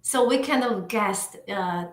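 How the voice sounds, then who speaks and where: A woman from northeastern China with a Chinese accent, a guest chatting casually in an interview with a soft voice, goofy and laughing often, with lots of fillers and restarts. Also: mid-range voice, slow, roomy sound, rough recording. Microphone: microphone.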